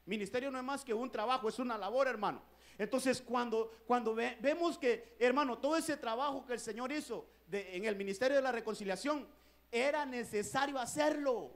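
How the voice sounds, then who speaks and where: High-voiced man preaching a sermon. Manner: earnest preaching, repeating "hermano" often; rises louder and slower on key points. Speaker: pastor. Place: church.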